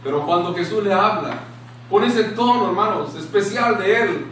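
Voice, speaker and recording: Man, preacher, sermon, high voice, impassioned, small church, heavy room echo, faint hiss. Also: animated, normal speed. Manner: impassioned, drops to a hushed tone for scripture quotes. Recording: very echoey room, distant mic, faint hiss.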